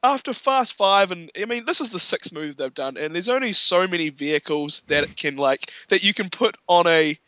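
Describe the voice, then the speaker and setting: A man in casual film chat, animated, laughing often and acting out quotes. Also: sits high, moderate pace, few pauses, no room sound, dull audio.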